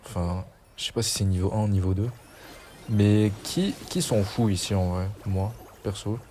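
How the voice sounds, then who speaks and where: A man's voice: lowish voice, moderate pace, mellow, a little hiss or hum. A young man giving casual, chatty gameplay commentary as a gaming YouTuber, self-mocking and slangy.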